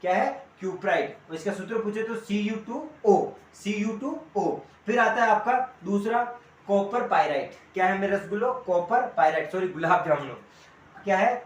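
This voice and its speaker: A man's voice: sits high, lively intonation, normal speed. A man teaching an online coaching class in a chatty way, calling students by pet names and quizzing them as he goes. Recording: echoey room with faint ambient noise.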